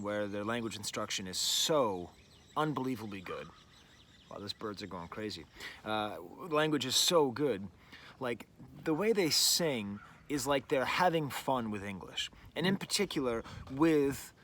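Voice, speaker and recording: Outdoors with birds around, a middle-aged male show host reviews an album in a loose, talkative manner, leaning heavily on "like" and "you know." His voice sits at medium pitch with a fairly bright tone.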